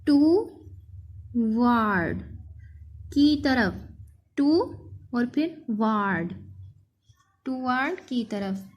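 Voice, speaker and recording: A woman teaching an English vocabulary lesson, drawing out each word slowly before explaining it quickly. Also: on the high side. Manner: slow, drawn-out word readings followed by quick explanations.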